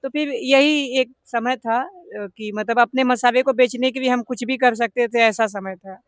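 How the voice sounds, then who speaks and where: A man's voice: very high voice, measured pace, smooth, no room sound, studio quality. A young man with a Banaras Hindi accent, answering interview questions earnestly, rambling with many fillers. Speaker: interviewed business owner.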